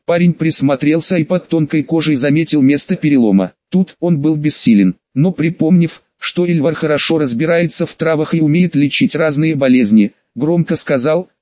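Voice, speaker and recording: A man narrating a fantasy audiobook in an even, steady storytelling manner. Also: on the high side, moderate pace, hardly any pauses, dry recording. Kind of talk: scripted narration. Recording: dull, dry studio recording.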